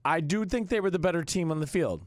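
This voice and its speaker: A man talks football on a podcast with a hoarse voice worn out from yelling. He is animated and keeps clearing his throat. The room sound is dry and close. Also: fairly high pitch, quick pace, no room sound. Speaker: podcast co-host, former player analyst. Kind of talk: casual sports talk.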